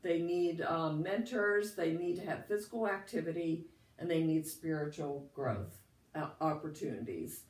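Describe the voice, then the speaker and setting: Lady w/ a cold, croaky frog voice, chatting in an interview, mic kinda far off in a roomy space. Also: low-pitched, normal speed, darkish tone. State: has a cold. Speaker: free clinic director, interviewee. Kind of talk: casual interview answers. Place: indoors at a clinic. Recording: echoey room, distant mic.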